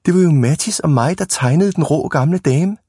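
A man reading a storybook aloud who voices a clever, scheming young boy in a lively, knowing tone. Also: a little high, husky, no room sound, studio quality, pitched above the performer's own voice. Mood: sly.

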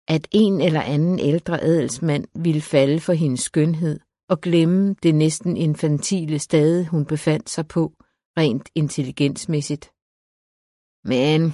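A woman reads an audiobook novel in a low, mellow voice, calm and measured. The recording is close and dry, with no room around her. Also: dry recording. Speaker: audiobook narrator. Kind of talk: scripted narration.

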